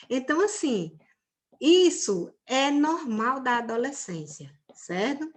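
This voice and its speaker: A woman teacher giving an online religion class to teenagers, talking in a conversational way and often checking in with her students. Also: fairly high pitch.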